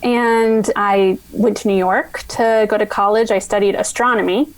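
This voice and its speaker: A middle-aged science writer from Virginia, USA, tells her story as a podcast guest in casual interview answers. Her medium-pitched voice has fairly even intonation at normal speed, on a low-quality recording with no room sound. She's thoughtful and often restarts sentences.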